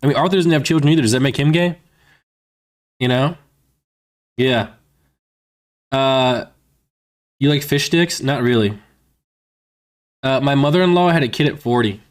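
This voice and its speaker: A man's voice: mid-range voice, moderate pace, long pauses. A man in his thirties chatting casually on a livestream, rambling and filling his talk with "man" and "you know". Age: 30s. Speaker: livestreamer reading chat. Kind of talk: casual stream chat.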